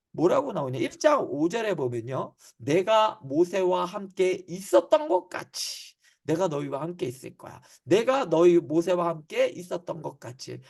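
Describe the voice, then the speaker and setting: A man's voice: sits high, gravelly, husky. A man preaching a teaching sermon to cell leaders, emphatic, repeating key phrases and answering his own questions. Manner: voices God's words in casual reassuring speech.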